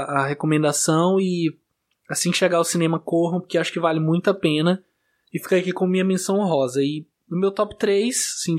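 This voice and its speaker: A man with a Brazilian Portuguese accent hosting a podcast in casual chat, talking in a relaxed way with small restarts. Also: on the high side. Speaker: podcast host.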